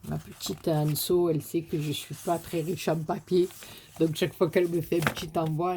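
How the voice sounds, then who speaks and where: A woman's voice: deep voice, warm tone, a little hiss or hum. A woman with a Marseille accent chatting casually as she opens a parcel on her vlog, gushing and swearing with delight. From Marseille, France. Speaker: crafting YouTuber.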